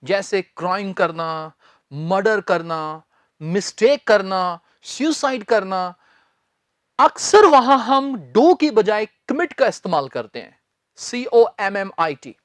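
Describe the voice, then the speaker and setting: A man teaching English grammar in a recorded lecture, speaking deliberately, spelling words letter by letter and repeating key phrases. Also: high voice, expressive, no echo, studio quality.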